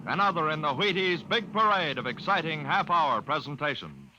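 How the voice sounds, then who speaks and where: High, dramatic radio announcer man. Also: very animated, moderate pace, sharp tone, lo-fi sound. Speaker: program announcer. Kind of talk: 1950s radio show opening, dramatic announcing. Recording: very noisy old radio broadcast.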